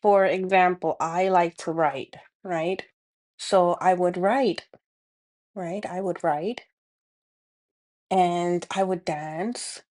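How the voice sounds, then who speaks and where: A woman from the Dominican Republic, speaking with a Dominican Spanish accent, hosts a spiritual healing talk as a reflective monologue to camera. Her voice is on the low side with a darkish tone, and she speaks slowly and earnestly, with long pauses and many fillers and restarts.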